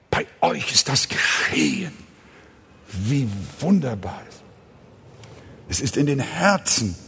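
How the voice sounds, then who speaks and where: A male pastor preaching a sermon in a church, with emphatic delivery that swells into loud, passionate stretches, and direct questions to the congregation. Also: medium pitch, slightly rough. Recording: long church hall reverb.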